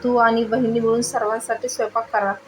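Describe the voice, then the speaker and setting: A woman voicing a troubled middle-aged husband in a spoken story, read in a plain, even voice. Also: a little high, fairly quick, faint music behind, lightly acted, poor audio. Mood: weary. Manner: flat, plain reading voice.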